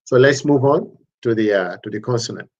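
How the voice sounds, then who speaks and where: A man teaching an introductory online language lesson, patiently sounding out syllables and often restarting his sentences. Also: mid-range voice. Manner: patient, repeats syllables slowly, many restarts. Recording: slightly dull lo-fi audio.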